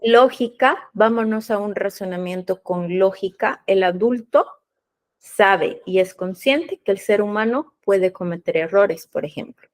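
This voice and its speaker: A woman's voice: mid-range voice, a little slow. A woman hosting a podcast interview, explaining her points in a teaching way and answering her own rhetorical questions. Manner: didactic, asks rhetorical questions and answers them. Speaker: podcast host.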